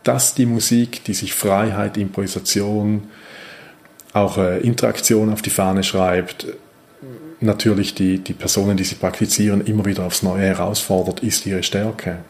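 A man's voice: on the low side, level tone, normal speed. A man giving a thoughtful interview answer, restarting phrases as he goes.

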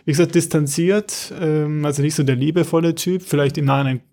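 A middle-aged man, reminiscing in a casual podcast chat, reflective and halting. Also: on the high side, fairly even intonation, warm tone. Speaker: podcast co-host.

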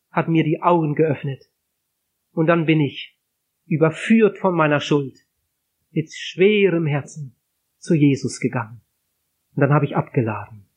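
High-voiced fervent older preacher. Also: male voice. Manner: fervent, emotional preaching with quoted hymns and psalms. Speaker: evangelist preacher. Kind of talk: sermon.

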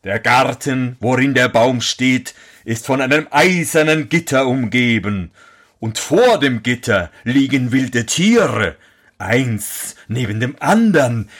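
A man reading a fairy tale aloud, voicing a huge male giant who speaks in slow, drawn-out calls. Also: medium pitch, expressive, fairly bright tone. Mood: warning.

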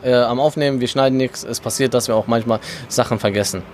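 A young man rambles through a story in casual podcast chat, stacking fillers and acting out what people said. His voice sits at an ordinary middle pitch. Faint traffic noise hums from outside. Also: fairly even intonation, fast, darkish tone. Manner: rambling, acts out quoted dialogue, many fillers. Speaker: podcast co-host.

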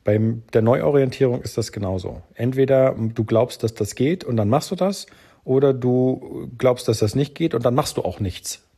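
A man's voice: medium pitch, normal speed, creaky, dark tone, breathy edge. A man hosting a solo podcast, speaking earnestly and directly to the listener as he thinks aloud. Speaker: podcast host.

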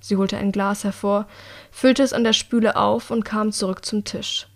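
A woman reads a novel aloud as an audiobook narrator. Her delivery is steady and even, in the manner of plain scripted storytelling. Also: mid-range voice, moderate pace.

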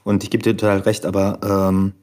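A man, an actor, speaking as an interview guest in a calm, measured way with many fillers. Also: low-pitched. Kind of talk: reflective conversation.

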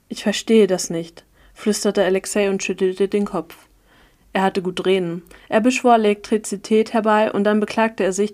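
Calm woman reading a novel. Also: mid-range voice. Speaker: audiobook reader. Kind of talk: first-person novel narration.

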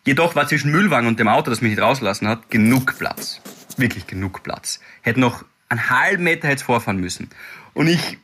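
A man with an Austrian accent, co-hosting a podcast and telling animated anecdotes in casual chat. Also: medium pitch, fairly quick, a little hiss or hum. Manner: animated anecdotal storytelling, frequent restarts. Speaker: podcast co-host.

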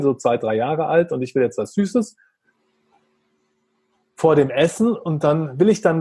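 A man with a slightly husky, fairly high voice talks earnestly in a relaxed conversation. He plays out little exchanges with his young son as he explains his view of parenting, and the recording is dry and close. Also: dry recording. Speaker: parent talking about parenting. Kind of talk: reflective conversational talk.

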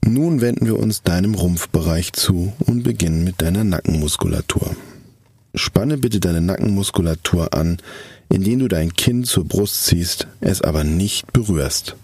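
A man narrating a scripted guided relaxation exercise in a soft, calm, soothing voice with measured, drawn-out instructions. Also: low-pitched, husky, no room sound.

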